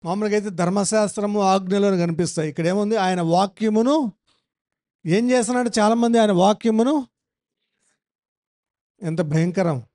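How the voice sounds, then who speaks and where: A man's voice: high-pitched, moderate pace, pauses often, warm tone. A male pastor giving a Bible-study sermon, emphatic, repeating phrases and putting questions to the congregation.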